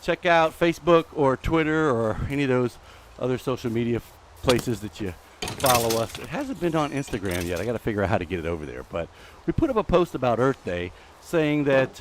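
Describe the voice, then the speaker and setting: A man's voice: mid-range voice, animated, fairly quick, few pauses, a little hiss or hum. A middle-aged man hosting a live gameplay stream, out of breath from walking on a treadmill and chatting in a rambling way while talking to the game's creatures. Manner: chatty, rambling, talks to game mobs. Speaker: host.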